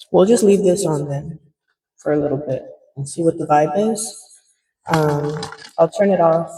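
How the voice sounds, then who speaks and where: A woman's voice: on the low side, dark tone, husky, rough recording. A woman vlogging casually at home, chatty and rambling, through a small wireless clip-on mic whose noise reduction leaves processing artifacts. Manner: chatty, rambling, lots of fillers. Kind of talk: casual chat to camera. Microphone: wireless clip-on mic plugged into a phone.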